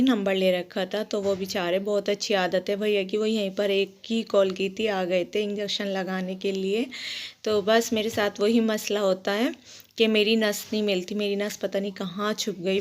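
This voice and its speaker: A middle-aged woman chatting through a casual voice-over of her day at home, rambling warmly from one small thing to the next. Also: mid-range voice. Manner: chatty, warm-hearted, rambling storytelling. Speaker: vlogger. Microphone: phone.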